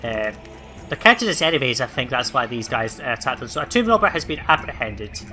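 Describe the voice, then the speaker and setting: A man hosting a let's play, giving relaxed gameplay commentary and thinking aloud with plenty of ums and uhs. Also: mid-range voice, a little fast.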